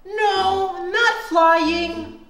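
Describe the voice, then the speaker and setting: A man playing a silly, excitable joke-teller in a comedy skit, drawn-out and sing-song. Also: very high-pitched, exaggerated voice. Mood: goofy, gleeful. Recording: echoey room with music.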